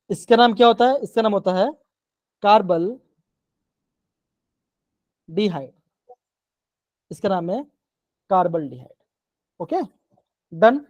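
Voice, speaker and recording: A man's voice: sits high, a little slow, long pauses, darkish tone, no room sound. A man teaching chemistry in a live online class, explaining step by step, repeating himself and often checking that the students follow. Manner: coaxing, keeps checking in with the class.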